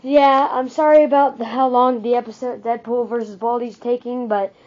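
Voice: medium pitch, steady tone, normal speed, a little mellow. A YouTube creator giving a casual, rambling channel update through a voice changer app filter. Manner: rambling, full of "um" and "like". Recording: dull lo-fi phone app recording.

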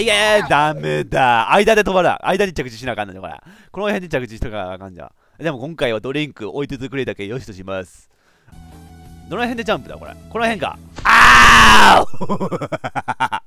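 A man doing excitable let's play commentary, laughing often and yelping when he fails. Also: on the high side. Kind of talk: game commentary.

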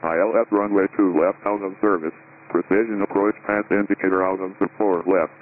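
A man reading a recorded airport weather broadcast, giving weather figures and notices in a steady, clipped radio readout. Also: sits low, brisk. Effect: airport weather broadcast over radio. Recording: tinny radio band with faint hiss.

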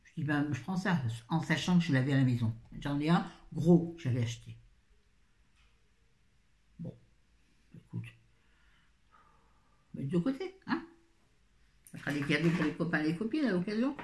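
A woman's voice: sits low, expressive, normal speed, pauses often, darkish tone. A woman beauty vlogger chatting casually through a product haul, with wry asides and frequent fillers. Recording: echoey room.

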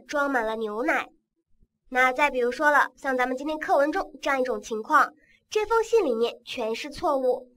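A woman English teacher giving a vocabulary lesson, patiently repeating words and spelling them out slowly in a coaxing classroom tone. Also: high-pitched, sharp tone.

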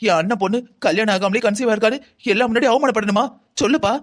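A voice actor playing a calm, firm middle-aged mother in a cartoon drama, soothing but insistent. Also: medium pitch, very fast, natural voice.

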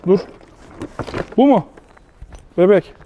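A man's voice: high-pitched, lively intonation, takes it slowly, phone-quality sound, a little hiss or hum. A young man hosting a street prank video, talking in a cheeky, teasing, playfully evasive way. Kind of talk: street prank, casual chat.

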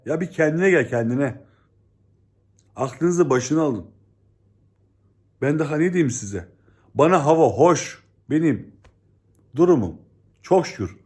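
A man giving a scolding, exasperated monologue as a stock market commentator, swinging between loud outbursts and low, stern warnings. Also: slightly rough. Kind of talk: ranting video monologue.

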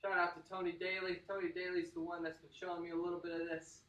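A man coaching a kids' workout, out of breath, cheering people through holds and then calmly guiding stretches. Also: high-pitched, quick pace, dull audio. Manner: energetic hype shouting during sets, calmer during stretches. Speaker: fitness instructor. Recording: echoey room, mic at a distance.

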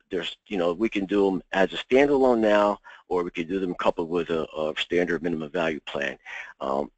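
A man giving an insurance webinar, walking through slides in a halting way with many ums and uhs. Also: sits low, no echo, low-quality recording. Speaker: insurance sales presenter.

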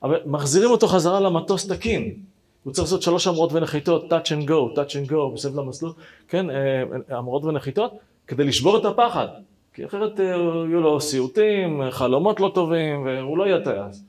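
Animated man telling a personal story. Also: fairly high pitch. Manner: animated, acts out dialogue, addresses listeners directly. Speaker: rabbi.

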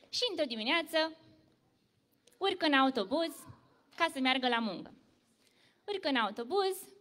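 A woman telling a story to children at church, lively and full of questions for the kids. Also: sits high, big-room sound. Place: church hall.

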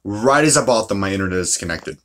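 A man's voice: lowish voice, lively intonation, fast talker, a little hiss or hum. A man giving casual, profanity-laced commentary while playing a mobile game, ranting about his luck. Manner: chatty, swears freely, ranting.

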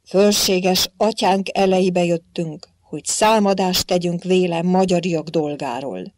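A woman reading as a defiant, blustering old Hungarian warrior-king saint, speaking loudly in archaic phrases. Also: on the low side, dry recording, clean studio sound, natural voice. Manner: loud, blustering, archaic speech.

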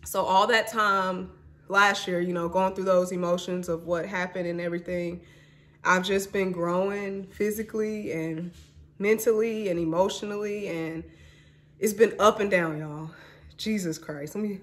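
A woman's voice: lowish voice, steady tone, a little slow, fairly bright tone. Candid young woman vlogging her story. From Mississippi. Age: 20s. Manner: candid and emotional, says y'all and honey. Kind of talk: personal storytelling vlog.

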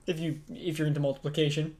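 A man's voice: on the high side, little pitch movement, quick pace, a little mellow, slight background noise. A young man chatting casually and sarcastically as co-host of a gaming session. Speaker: let's play co-host.

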